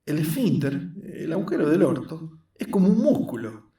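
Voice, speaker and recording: A man's voice: very animated, normal speed, dark tone. A man voicing an earnest, skinny young man, explaining his craft patiently. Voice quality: squeaky. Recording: roomy echo, mic at a distance.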